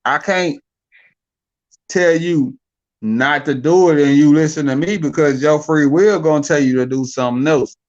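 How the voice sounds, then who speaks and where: A man's voice: on the high side, moderate pace, a little mellow. Young man, casual debate, rambling, repeats words, dull lo-fi mic. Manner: loose, rambling, repeats words when thinking. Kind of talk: casual debate over mics.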